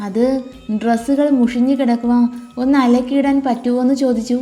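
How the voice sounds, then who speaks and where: A woman storyteller voicing a meek young woman who speaks softly and hesitantly. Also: on the high side, little pitch movement, fairly quick, lightly acted. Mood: timid.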